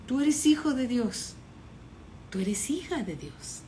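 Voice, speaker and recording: Fervent woman preaching, high voice. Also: sing-song, takes it slowly, slight background noise. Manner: fervent, dramatic retelling with sudden loud peaks. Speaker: pastor. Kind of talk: sermon.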